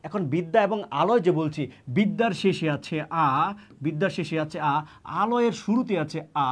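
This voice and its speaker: A man's voice: sits high, moderate pace. A man giving an exam-prep grammar lesson, often repeating key words and asking and answering his own questions. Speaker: teacher.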